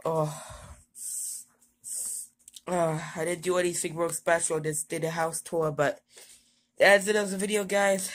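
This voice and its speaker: A woman vlogging casually while in burning pain from a hot pepper, stammering and halting with many fillers. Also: fairly low pitch, steady tone. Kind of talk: casual vlog.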